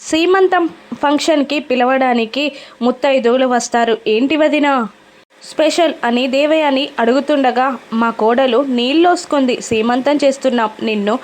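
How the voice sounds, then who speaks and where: A woman's voice: high-pitched, normal speed. A woman narrating a recap of a TV serial episode, telling it steadily and lifting her voice slightly for the quoted lines.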